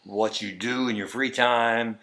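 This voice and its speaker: This interview guest, a middle-aged man with a Texas accent, speaks in a mid-range voice with a sharp tone, fairly even intonation, and a measured pace. His long, rambling story is told conversationally, with him performing other people's quoted lines.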